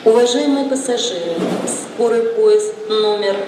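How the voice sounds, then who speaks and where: A woman making a formal train departure announcement over a station PA loudspeaker. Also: medium pitch, measured pace. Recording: echoey, distant, noisy loudspeaker sound.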